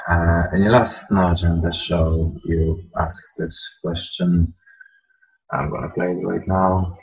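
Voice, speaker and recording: A man's voice: low voice, steady tone, slow pace, gravelly. A man with an Eastern European accent explaining things step by step in a casual, conversational narration. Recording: dull lo-fi audio with music.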